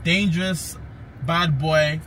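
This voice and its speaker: A man's voice: fairly high pitch, steady tone, slow, fairly bright tone, slight background noise. A man from London with a London accent, chatting playfully and boasting in a casual vlog.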